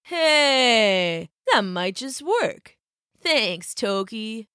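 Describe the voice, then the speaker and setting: Woman doing a gentle, soft-spoken turtle. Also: fairly high pitch, sing-song, extremely slow, smooth, no echo, studio quality, full character voice. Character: gentle, guilty male sea turtle.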